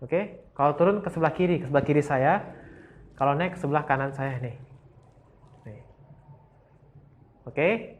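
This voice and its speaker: A man's voice: on the high side, normal speed, long pauses, dull audio. A man from Palembang with a Palembang Indonesian accent, teaching a casual beginner piano lesson and patiently checking in with "oke?" after each step. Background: piano keyboard notes.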